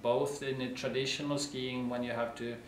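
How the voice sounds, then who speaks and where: Coach guy, super flat delivery, echoey room. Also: mid-range voice, moderate pace, a little hiss or hum.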